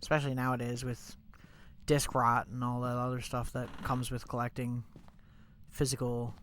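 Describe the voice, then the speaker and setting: Young male streamer, stuffy-nosed, chatty, mid pitch, faint noise. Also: flat delivery, normal speed, fairly bright tone. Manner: chatty, rambling, many fillers like "like" and "you know". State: stuffed up, congested. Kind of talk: casual live-stream chat while gaming.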